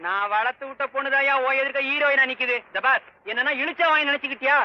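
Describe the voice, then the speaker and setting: An actor playing a brisk, demanding father who pushes for his actress daughter in a 1960s film comedy. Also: very high voice, fairly even intonation, no room sound. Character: pushy, protective older father of an aspiring actress. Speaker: heroine's father. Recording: dry lo-fi old film soundtrack.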